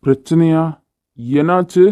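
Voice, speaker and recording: A man's voice: on the high side, fairly even intonation, measured pace, dark tone, clean tone, no room sound, lightly acted. A man voicing a brash young husband who is blunt and teasing but protective of his wife, in a cartoon. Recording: dry, phone-like narrow sound.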